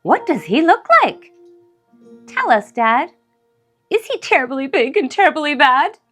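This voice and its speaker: A woman's voice: sits high, very animated, unhurried, fairly bright tone, faint music behind, voice pushed up, exaggerated voice. A woman voicing a curious, brave young monster child in a storybook, exclaiming and asking questions. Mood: eager.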